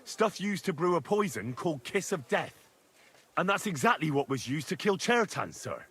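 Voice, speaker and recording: An earnest young accuser. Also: male voice, a little high, sing-song, normal speed, fairly bright tone, husky, heavily acted. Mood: accusing. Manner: earnest, matter-of-fact. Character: young man accuser, investigator presenting evidence.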